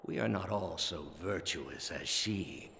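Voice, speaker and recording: An actor playing a weary, ancient immortal villain in a video game, a grave and unyielding orator serving the gods. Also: male voice, deep voice, animated, slow pace, creaky, pushed and bright, a little hiss or hum, exaggerated voice. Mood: fervent. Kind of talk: dramatic game voice acting.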